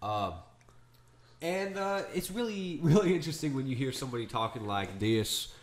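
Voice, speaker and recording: A man's voice: mid-range voice, expressive, moderate pace. A young man co-hosting a casual chat, rambling with many fillers and restarts. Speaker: podcast co-host.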